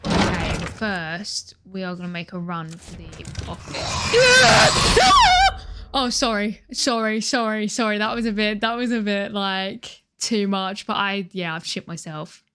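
A woman's voice: medium pitch, fairly even intonation, moderate pace, very noisy. A British woman in her twenties doing casual live commentary as a scared, jumpy, foul-mouthed horror game streamer. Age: 20s. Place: small room indoors at a gaming setup. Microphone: headset with a desk microphone close by.

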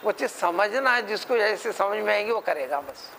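A Hyderabadi-accented man delivers a religious lecture in a high voice with a gravelly edge. He drives his points home with rhetorical questions and quick mimicry of others. A faint hiss of room ambience sits behind him. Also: animated, bright, forceful tone, rough recording. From India. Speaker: Quran scholar.

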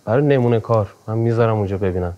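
A man's voice: lowish voice, lo-fi sound, lightly acted. An actor playing a defensive, hesitant male event organizer accused in a courtroom TV drama.

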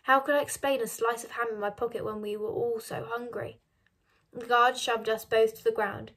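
A woman reading a novel aloud, measured and dropping soft on narration. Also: a little high, level tone. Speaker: reader of a novel.

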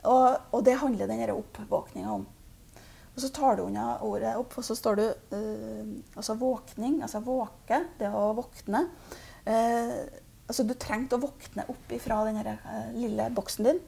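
A woman giving a spiritual reading, speaking calmly and haltingly with many fillers. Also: on the high side, creaky, husky. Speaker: intuitive reader.

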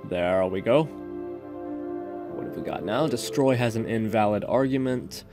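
A man hosts a casual screen-recorded coding tutorial, walking through each step in a chatty, informal way. His voice is on the low side and slow-paced, with music in the background.

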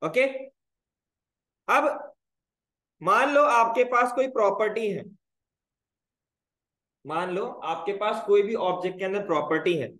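A man's voice: high voice, animated, slow pace, long pauses, fairly bright tone, reverberant, poor audio. A man teaching a live programming class, explaining step by step and often checking whether his students follow. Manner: explains step by step, checks in with repeated "clear, brother?". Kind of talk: live coding class tutorial.

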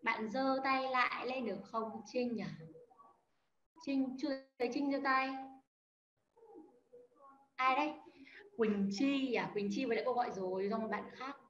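Woman teacher on a video call, kinda high voice, explains stuff step by step, roomy echoey sound. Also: unhurried, long pauses, a bit bright. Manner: explains step by step, calls on students by name. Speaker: Korean language teacher. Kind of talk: online class lesson. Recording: echoey, dull lo-fi audio with faint noise.

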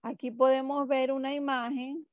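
A woman's voice: sits high, flat delivery, normal speed, a little mellow, no echo, lo-fi sound. A woman teaching a Spanish class to teenagers, explaining spelling rules step by step with examples and often checking in with her students. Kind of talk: online class lesson.

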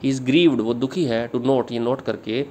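A male literature teacher with an Indian English accent, reading English lines slowly and then explaining them in Hindi. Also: mid-range voice, warm tone, slight background noise. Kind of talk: exam-prep lecture.

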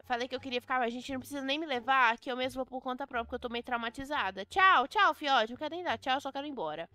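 A woman with a Brazilian accent giving dramatic, excitable game role-play commentary, talking straight to her viewers. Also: sits high, very fast, no room sound. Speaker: gaming video host.

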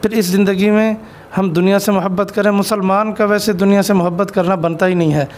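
High-voiced man preaching earnestly. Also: fairly even intonation, a little fast, slight background noise. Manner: earnest and exhortative, storytelling. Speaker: Islamic cleric, interview guest. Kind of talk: preaching answer in an interview.

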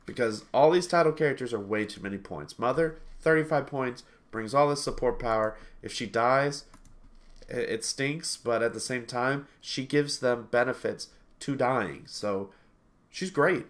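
A sniffly game reviewer co-host in his thirties, his nose bothered by allergies, talks at a measured pace in a mid-range voice. Using a headset on a video call from a small home room, he rambles casually, often correcting himself, and laughs easily along the way.

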